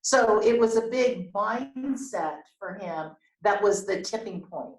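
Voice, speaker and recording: A woman's voice: medium pitch, expressive, takes it slowly, roomy sound, rough recording. A woman, a business coach, hosting an interview over a video call, explaining points and checking in with questions.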